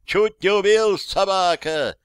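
Guy doing a squealy panicky army officer in an audiobook, loud and bright. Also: on the high side, sing-song, fast talker, dry recording, studio quality, pitched above the performer's own voice, exaggerated voice. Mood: outraged yelling. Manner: yelling, squealing with outrage. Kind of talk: audiobook reading.

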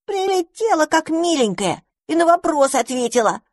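A woman voicing a young boy mouse, eager and kind, talking in an excited way. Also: high-pitched, normal speed, no room sound, studio quality, voice pushed up. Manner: excited, bright-eyed.

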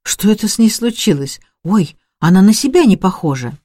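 A woman voicing an observant young woman who speaks excitedly, read in an audiobook. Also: mid-range voice, moderate pace, no room sound, clean studio sound. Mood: startled.

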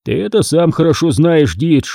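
A man reading an audiobook voices a cold, calm, ironic mafia hunter. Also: a little high, normal speed, vocal fry, dry recording, studio quality, pitched above the performer's own voice, full character voice.

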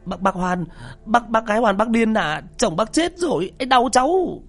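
A man's voice: high voice, lively intonation, normal speed, fairly bright tone, faint music behind, voice pushed up, exaggerated voice. A man voicing a jittery young nephew who stammers and pleads. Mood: pleading.

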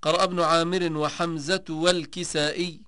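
A man teaching Quranic reading variants, stating each case plainly and then chanting the verses slowly and melodically. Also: fairly high pitch, level tone, sharp tone, clean tone, no room sound, clean studio sound. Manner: measured explanation, slow melodic chanting of verses. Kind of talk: recitation lesson on Quranic readings.

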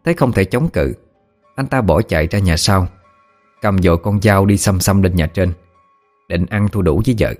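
A man reads a ghost story aloud in a low voice. His narration is steady and even. Faint music sits under the reading. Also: moderate pace, pauses often. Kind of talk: scripted narration.

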